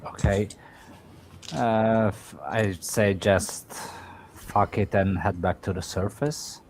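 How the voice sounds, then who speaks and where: A man taking part in a tabletop game session, talking in a loose, casual way with plenty of swearing. His voice is fairly low, and a faint hiss sits under it. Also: fairly even intonation, slow, darkish tone. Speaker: player.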